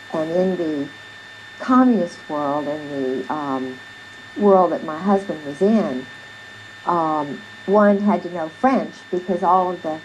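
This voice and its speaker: A woman talking casually and hesitantly, with many pauses. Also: low-pitched, darkish tone, a little hiss or hum, poor audio. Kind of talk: casual talk.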